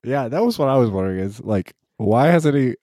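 A man's voice: medium pitch, expressive, a little fast, dark tone, dry recording, studio quality. A man co-hosting a podcast, chatting casually and joking at his own writing. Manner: laughing, self-mocking. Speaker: podcast co-host and story author. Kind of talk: casual chat.

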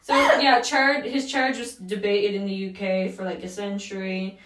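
A woman's voice: medium pitch, steady tone, normal speed, fairly bright tone. A young woman hosting a casual podcast, rambling and joking through her notes with frequent swearing. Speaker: podcast host. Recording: echoey room, mic at a distance.

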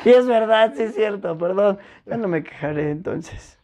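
A young Mexican woman chatting casually on a podcast, telling a story in a slangy, animated way and acting out what other people said. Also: mid-range voice, moderate pace, crowd noise. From Puebla, Mexico.

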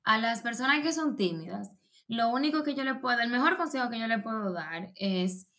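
A woman coaching on public speaking in a relaxed conversation, explaining at length with many fillers and restarts. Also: fairly high pitch, moderate pace. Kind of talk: casual advice chat.

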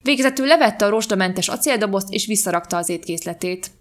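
A woman podcast host reading a short story aloud in a calm, even storytelling manner. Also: mid-range voice. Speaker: podcast reader.

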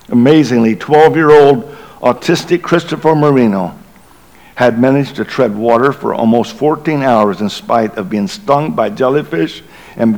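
A middle-aged man preaches as a bishop at a Christmas Eve service, telling a story with drama. His voice sits somewhat high for a man. At the tense moments he drops to a hushed, low delivery. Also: poor audio.

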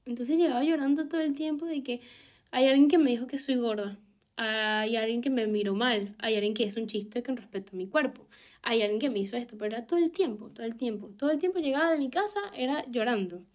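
A woman's voice: on the high side, fast talker, darkish tone. A young woman with a Venezuelan accent, candidly telling her own story, frank and emphatic, repeating phrases and swearing casually. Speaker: vlogger.

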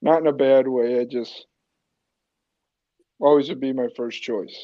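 A man's voice: mid-range voice, steady tone, a little slow, dark tone. A man hosting a casual sports chat with friends. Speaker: sports talk show host. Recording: dull, lo-fi microphone sound.

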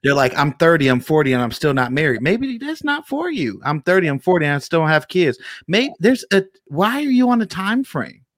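A man's voice: fairly high pitch, sing-song, brisk, hardly any pauses, no echo, studio quality. A man co-hosting a motivational talk, preaching in emphatic, repetitive phrases. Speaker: co-host.

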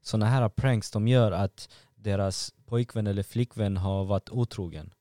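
A man's voice: on the low side, mellow, no echo, studio quality. Bantering man guest on a podcast. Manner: banters, repeats himself. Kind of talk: casual podcast chat.

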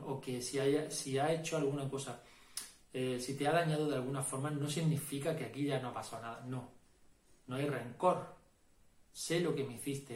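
Reassuring male meditation teacher, emphatic and repetitive, recorded in an echoey room. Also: medium pitch. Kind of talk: informal spoken teaching. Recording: roomy echo.

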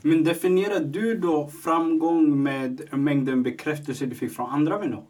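A man's voice: a little high, steady tone, darkish tone, far from the mic. A man hosting a podcast, asking questions in an upbeat, playful way. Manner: upbeat, playful, quick short backchannels. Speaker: podcast host. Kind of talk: casual interview.

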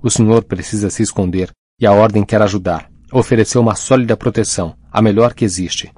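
Male reader playing a dry, impatient teen boy; mellow, close audiobook tone. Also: lowish voice, steady tone, brisk, slightly rough, dry recording. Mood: insistent. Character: defiant sarcastic teenage boy wizard.

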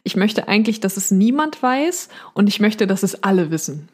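Woman, mid pitch, reflective, hesitant chat. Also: sing-song, moderate pace. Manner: hesitant, many fillers, reflective. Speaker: podcast co-host. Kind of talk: casual chat.

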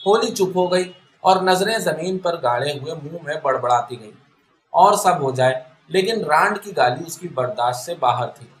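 A man reads a literary story aloud in a steady, even way. His voice sits a little high for a man. The recording carries a clear roomy echo. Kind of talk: scripted story narration. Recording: echoey room.

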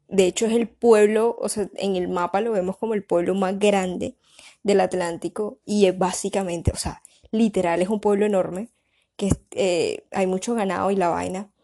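A young woman with a Colombian Caribbean coastal accent, chatting casually and explaining things in a lively, colloquial way. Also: medium pitch. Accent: Colombian Caribbean (costeño). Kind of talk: casual chat.

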